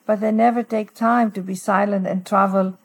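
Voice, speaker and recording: A woman's voice: mid-range voice, fairly even intonation, normal speed, breathy edge. A woman with a mid-range voice talks as an interview guest. Her delivery is conversational and reflective. She often illustrates an idea with a quoted phrase. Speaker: guest author on inner life and self-love. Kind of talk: conversational spiritual interview talk.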